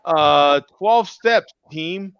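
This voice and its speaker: A man's voice: fairly high pitch, drawn-out words, gravelly, a bit bright, clean tone, dry recording, highs cut off. A man in his fifties hosting a casual live web show over a video call, joking and teasing his regulars, often repeating words when he gets going. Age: 50s. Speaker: show host.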